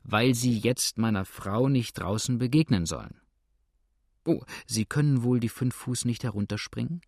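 Shrewd innkeeper, read by a man, calm, dry, matter-of-fact, mid pitch, dry close sound. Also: moderate pace, dry recording, natural voice. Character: calm, shrewd male innkeeper, dryly indifferent.

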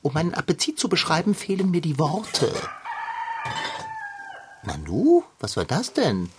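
A pompous, greedy cartoon tomcat who speaks in grand, flowery phrases. His voice swoops wildly up and down at a middling pitch. A faint hiss of noise sits under the recording. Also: huge pitch swings, unhurried, full character voice. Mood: haughty. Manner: pompous, flowery formal speech. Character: pompous greedy male tomcat, fussy gourmand. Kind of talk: cartoon voice acting.

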